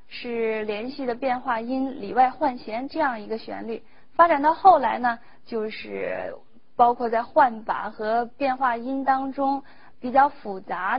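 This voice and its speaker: A woman music teacher giving a measured, explanatory instrumental lesson. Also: fairly high pitch. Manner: measured, explanatory, demonstrates between phrases. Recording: dull lo-fi recording with faint instrument music.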